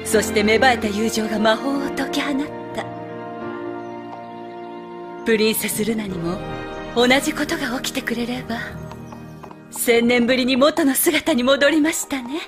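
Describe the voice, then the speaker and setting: A woman voicing a benevolent, regal pony princess in a cartoon dub, with stately, measured, formal speech. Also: fairly high pitch, over music, natural voice. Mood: serene. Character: serene, regal, benevolent adult female alicorn princess.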